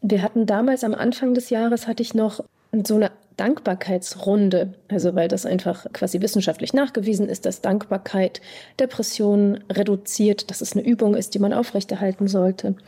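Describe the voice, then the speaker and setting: A woman psychotherapist, born in Iran, answering interview questions in a thoughtful, deliberate way, pausing to search for words. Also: medium pitch, fairly even intonation, dark tone, slightly rough. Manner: thoughtful, deliberate, with pauses and fillers.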